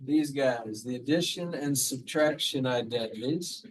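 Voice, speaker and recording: A man's voice: medium pitch, measured pace, breathy edge, poor audio. A man teaching a math class, talking casually and quizzing students with repeated prompts. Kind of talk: classroom lecture.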